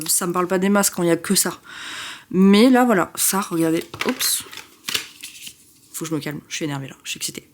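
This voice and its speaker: A young woman with a somewhat low voice chats casually and excitably, interrupting herself and filling gaps with hesitations. A faint noise floor sits under the recording. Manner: chatty, excitable, self-interrupting with many fillers. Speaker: tarot vlogger. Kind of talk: casual chat.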